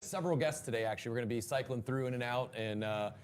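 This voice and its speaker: A man hosting a live interview show at a conference, asking questions quickly with energetic restarts. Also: mid-range voice, a little hiss or hum. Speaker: podcast host.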